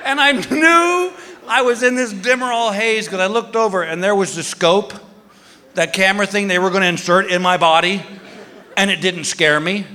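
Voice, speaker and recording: A man doing stand-up storytelling, acting out the people in his story with sudden high yelps. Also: moderate pace. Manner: animated, acts out characters with high yelps. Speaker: stand-up comedian. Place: live stage before an audience. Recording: live hall with crowd laughter.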